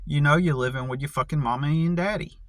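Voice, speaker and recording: A man's voice: fairly high pitch, fast talker, fairly bright tone, no room sound. An American man in a casual vlog, ranting angrily and profanely with many restarts. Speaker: vlogger.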